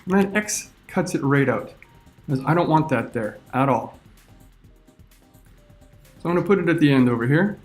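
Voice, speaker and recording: A man teaching a screen-recorded software tutorial, talking through each step as he clicks. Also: fairly high pitch, expressive, normal speed, long pauses, faint music behind.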